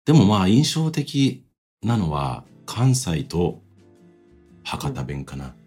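Low husky man, relaxed chat. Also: slow pace, faint music behind. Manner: relaxed, musing, trails off softly. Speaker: podcast co-host reading listener mail. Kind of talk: casual chat.

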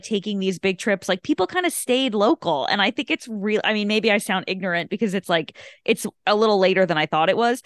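A young woman co-hosting a podcast in casual chat, easygoing and quick to laugh, often trailing off mid-thought. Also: mid-range voice, dry recording, clean studio sound. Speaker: podcast co-host.

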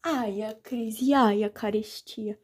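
A woman's voice: a little high, steady tone, slow, darkish tone. A woman playing a miserly, fearful old man who wails and complains in a stage play. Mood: lamenting. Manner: wailing, complaining, prays to a saint.

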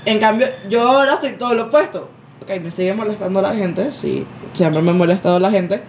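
A woman's voice: medium pitch, brisk, creaky, slight background noise. A woman co-hosting a casual podcast, talking candidly and at length. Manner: candid, talkative. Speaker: podcast co-host. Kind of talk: casual chat.

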